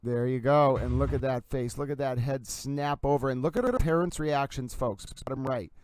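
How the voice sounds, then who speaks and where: A man's voice: mid-range voice, normal speed, darkish tone, smooth, no echo. A man hosting a livestream in a mock sports-commentary style, showy and emphatic, repeating catchphrases. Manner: showman-like, emphatic, repetitive catchphrases.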